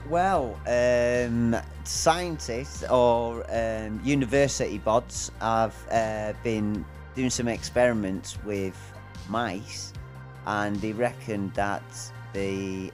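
A man with a lowish voice co-hosts a relaxed podcast, quick with quips and easy agreement. Faint music sits in the background. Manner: easygoing, chiming in with quips and agreement. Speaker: podcast co-host. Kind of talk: casual chat.

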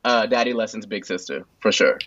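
A man's voice: fairly low pitch, animated, a little fast, crowd noise. An American man chatting casually with friends in an emphatic, slangy, sassy way. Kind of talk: casual group chat. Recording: slightly dull, lo-fi audio.

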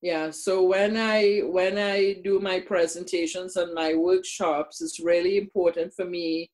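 A little slow and on the low side, her darkish voice keeps a fairly even intonation. The older Trinidad and Tobago guest, who presents community workshops, talks earnestly in a casual exchange and repeats words for emphasis.

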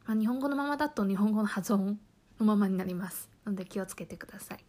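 A woman teaching a language lesson, explaining patiently and slowly, drawing out example phrases. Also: medium pitch, darkish tone. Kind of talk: slow, careful lesson explanation.

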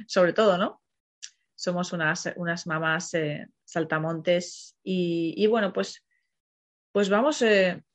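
A woman with a Spain Spanish accent hosting a parenting program, talking in a chatty, rambling way and often tagging her sentences with a questioning "no?". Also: sits low. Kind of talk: casual spoken monologue. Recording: slightly muffled recording.

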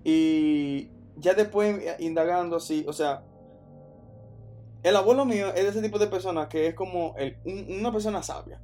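A man from the Dominican Republic with a Dominican accent, casually telling a personal story in an animated, slangy way, often restarting his sentences. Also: high voice, moderate pace, soft background music. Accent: Dominican Spanish. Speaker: podcast storyteller.

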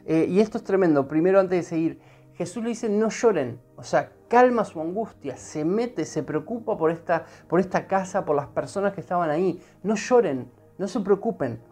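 A woman's voice: lowish voice, lively intonation, fairly quick, mellow, faint music behind. A woman with an Argentine accent giving an earnest devotional sermon, repeating her phrases and often checking in with her listeners. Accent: Argentine Spanish. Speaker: preacher.

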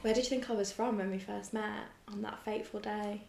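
A woman's voice: medium pitch, steady tone, brisk, gravelly, a little mellow. A young woman from Birmingham, England, co-hosting a casual podcast chat with giggly, playful banter. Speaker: podcast co-host. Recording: roomy echo.

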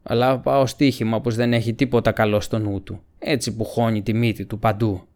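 A man's voice: on the low side, flat delivery, darkish tone, natural voice. A man reading aloud and voicing a brutish male orc soldier who talks in blunt threats. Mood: grumbling.

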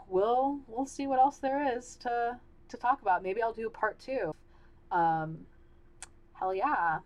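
A woman's voice: mid-range voice, poor audio. Rambling, candid woman podcaster. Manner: candid, rambling, many fillers and restarts. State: losing her voice. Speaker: podcast host. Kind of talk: casual solo podcast talk.

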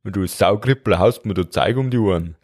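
A man voicing a gruff, scolding male stomach with a Bavarian accent. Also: lowish voice, fairly quick, a little mellow, dry recording, studio quality. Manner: scolding, blunt.

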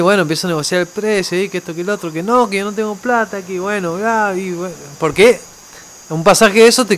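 A young man, telling a travel story in casual chat, animated and repetitive. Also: high voice. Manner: animated, repetitive, quotes others in his own voice.

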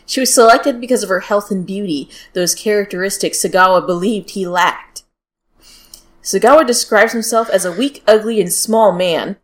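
Casual true-crime storytelling comes from a podcast host, a woman with a general American accent speaking at medium pitch and normal speed. Her style is blunt, informal, and sweary.

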